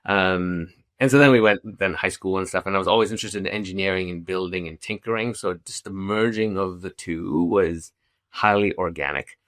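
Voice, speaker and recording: This podcast guest, a middle-aged founder from Zambia, talks in a relaxed interview style full of fillers and false starts. He speaks at a moderate pace in a low, fairly bright voice, captured with studio clarity and no room sound.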